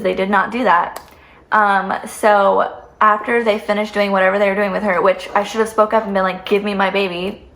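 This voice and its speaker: A woman's voice: mid-range voice, gravelly, a bit bright. A young woman in her twenties telling a personal story in a sit-down vlog, heartfelt and near tears, with many "like" fillers. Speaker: vlogger. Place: home, seated.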